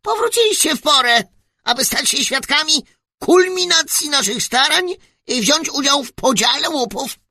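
A man voicing a tiny fanged creature ruler who speaks through a megaphone in a squeaky, gloating voice of grand threats. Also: lively intonation, moderate pace, pushed and bright, no echo, exaggerated voice. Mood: welcoming. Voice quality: squeaky, piping little voice.

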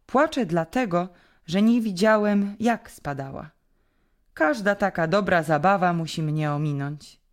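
A woman voicing an earnest, tearful eight-year-old boy in a storybook reading, lifting into a higher childish tone. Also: unhurried, natural voice.

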